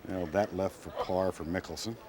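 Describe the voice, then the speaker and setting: Deep-voiced male golf commentator over crowd noise. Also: fairly even intonation, moderate pace. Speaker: golf commentator, lead announcer on a hole. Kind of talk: live golf broadcast commentary. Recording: crowd and outdoor noise behind broadcast. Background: golf course crowd and outdoor ambience.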